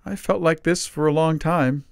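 A man reading aloud gives a higher, weak and plaintive voice to a feeble, dying, mild old Father Christmas. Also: fairly even intonation, normal speed, creaky, smooth, no echo, studio quality.

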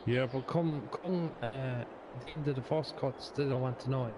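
Sweary man chatting over clear background noise. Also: mid-range voice, normal speed. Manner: colloquial, sweary. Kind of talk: casual chat. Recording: noisy voice chat with engine sound.

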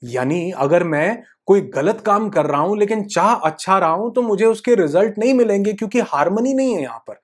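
A man's voice: sits high, lively intonation, moderate pace, hardly any pauses. A man coaching on the law of attraction in a motivational talk. He mixes English terms into his Hindi and repeats phrases for emphasis.

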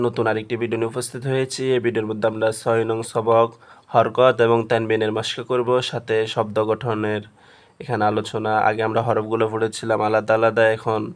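A man teaching Quran reading, slowly spelling out letters and syllables one by one in a step-by-step lesson. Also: fairly low pitch, smooth. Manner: slow, drilled syllable-by-syllable recitation.

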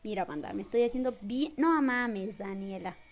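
A woman's voice: medium pitch, moderate pace. A young woman with a Mexican accent doing casual live gameplay commentary, thanking viewers and breaking into shrieks and laughter. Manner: excitable, bursts into shrieks and laughter, greets viewers warmly. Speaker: live-streamer.

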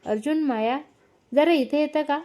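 A woman's voice: sits high, moderate pace, pitched above the performer's own voice, natural voice. A woman voicing a firm, caring middle-aged uncle who scolds his wife in a family story read aloud. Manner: firm, scolding, rising to a shout.

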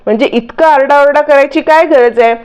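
A woman's voice: high voice, brisk, darkish tone, pitched above the performer's own voice, lightly acted. A woman voicing an angry young wife who scolds her husband in a reproachful way. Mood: annoyed.

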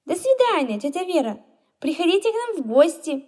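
A woman voicing an emotional, quick-tempered little girl in a children's storybook reading. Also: extremely high pitch, very animated, a little mellow, pitched above the performer's own voice. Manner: emotional, exclaiming, tearful.

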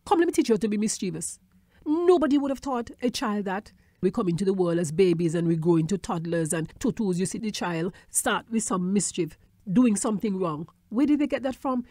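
A woman delivers a teaching sermon in a warm, mellow voice. She drives points home by repeating them and pauses for a questioning "hmm?". The recording is close and dry, with no room sound. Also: medium pitch, animated, no room sound. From Montserrat. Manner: repeats key phrases for emphasis and checks in with a questioning "hmm?". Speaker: Bible teacher.

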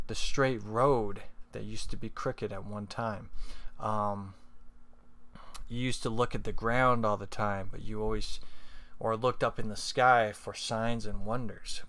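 A man reading scripture and reflecting on it in a relaxed, meandering way, with many fillers and tag questions. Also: lowish voice. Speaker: scripture reader and speaker.

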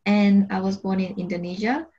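A young woman who grew up in Singapore, a university student, speaking in a measured, earnest way on a video call. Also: medium pitch, fairly even intonation, mellow, soft background music. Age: young adult. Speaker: student panellist. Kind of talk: casual video-call chat. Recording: slightly dull video-call audio.

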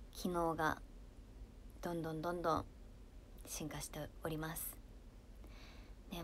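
A young woman with a Kansai accent, chatting casually on her livestream and reading viewer comments, often softening into near-whispers. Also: on the low side, slight background noise. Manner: soft-spoken, drifts into near-whispers, laughs often.

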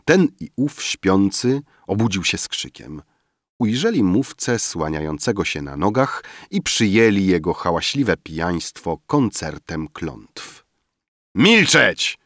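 A man with a very deep voice narrates a classic novel slowly, letting his intonation swing widely through each sentence. The recording is dry and close, with no room sound. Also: no room sound. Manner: measured, expressive literary reading. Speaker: audiobook narrator. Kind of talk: scripted narration.

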